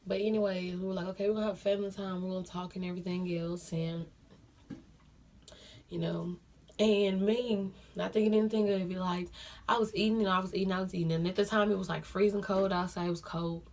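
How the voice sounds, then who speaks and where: A woman's voice: mid-range voice, fairly even intonation, a little fast, a little mellow. Chatty young woman telling a story. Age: young adult. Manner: chatty, addresses viewers as y'all, repeats phrases for emphasis. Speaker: vlogger. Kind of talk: casual storytime.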